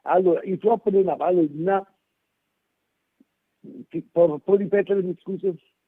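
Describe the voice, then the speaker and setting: A man's voice: sits high, fairly even intonation, measured pace, husky. A man calling in to a sports phone-in show over a poor phone connection, hesitant and checking whether he can be heard. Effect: tinny poor phone-line connection. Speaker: radio call-in caller. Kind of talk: casual call-in chat about football.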